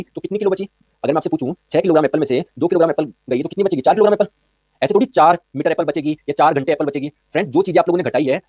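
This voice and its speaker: Male physics tutor, brisk and quizzing, slightly high voice, dry close sound. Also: dark tone, breathy edge, dry recording. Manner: brisk, quizzing students with repeated questions. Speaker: physics teacher. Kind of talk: online exam-prep physics lecture.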